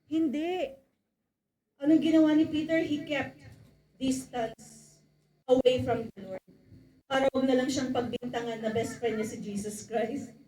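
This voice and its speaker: A woman's voice: high voice, measured pace, pauses often, dark tone, echoey room, poor audio. A woman preaching a sermon in mixed Tagalog and English, calling out "Amen?" and "Glory to God" to the congregation. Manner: calls out "Amen?" and "Glory to God" to the congregation, acts out quoted voices. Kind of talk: Taglish sermon.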